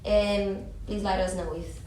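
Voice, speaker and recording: A woman's voice: mid-range voice, steady tone, unhurried, dark tone. A young woman, a student, moderating a focus group with frequent ums and a reassuring manner. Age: young adult. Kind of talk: hesitant spoken moderation. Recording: echoey room from far off, background noise.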